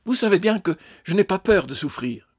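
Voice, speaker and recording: A man voicing a desperate, shrill woman ghost. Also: expressive, normal speed, slightly rough, no echo, clean studio sound. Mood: anguished. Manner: pleading, agitated. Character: anxious ashamed woman ghost, tearful, self-pitying. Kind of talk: audiobook character voice.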